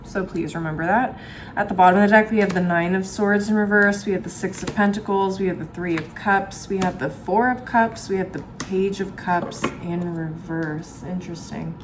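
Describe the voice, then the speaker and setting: A woman's voice: lowish voice, fairly even intonation, normal speed, noisy background. A woman giving a casual, chatty tarot reading to viewers, with a dry throat from a cold and frequent swallowing. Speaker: tarot reader and astrologer host.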